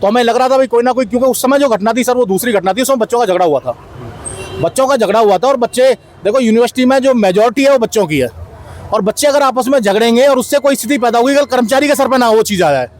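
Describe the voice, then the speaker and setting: Quick and extremely high-pitched, the voice belongs to a union president talking to a reporter at an outdoor protest by a street. It is an on-the-spot interview, and he keeps hammering home his points.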